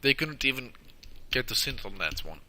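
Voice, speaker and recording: Stuffy-nosed man with a very sharp, bright voice. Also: medium pitch, very animated. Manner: halting, hesitant delivery crowded with uhs. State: nose plugged with tissue from a nosebleed, stuffy nasal sound. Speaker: gameplay video host. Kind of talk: casual video game walkthrough commentary.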